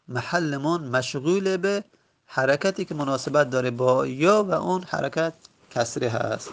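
Gravelly-voiced male teacher reciting word forms. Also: a little high. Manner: patient, explains step by step and recites word forms in chanted lists; asks and answers his own questions. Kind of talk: grammar lesson.

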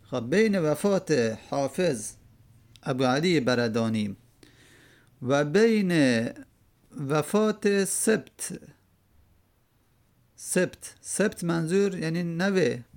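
A religious teacher delivers a classroom lecture on a hadith text, explaining a quoted Arabic verse word by word and repeating the key terms. His voice sits on the high side, with a somewhat dark tone, lots of animation and frequent pauses.

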